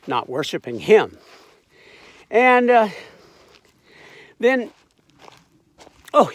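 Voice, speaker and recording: A man's voice: high-pitched, no echo. A man casually retelling a Bible story as a satire, irreverent and wry, with frequent asides and restarts. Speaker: informal Bible commentator.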